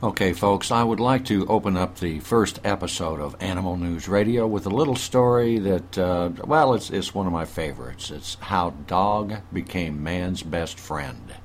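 Low voiced guy hosting a little animal webcast, folksy, keeps restarting his sentences. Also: expressive, normal speed, hardly any pauses, a little hiss or hum. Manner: folksy, addresses listeners as folks, frequent restarts. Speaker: host. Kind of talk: casual webcast hosting and story reading.

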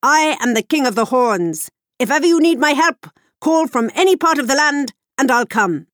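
A woman voicing a ferocious horned man, king of the horns, declaring his thanks loudly. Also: sits high, lively intonation, normal speed, dry recording, voice pushed up. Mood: grateful. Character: fierce horned man, grateful giant king.

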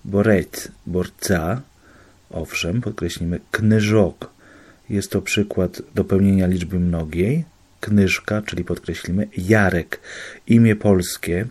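A man's voice: low voice, darkish tone. A man, a student explaining course material, working methodically through examples one by one in a lesson.

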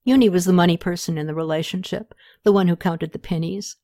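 A woman narrating a historical novel in a steady, even storytelling voice. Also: lowish voice, fast talker. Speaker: audiobook narrator. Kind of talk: scripted narration.

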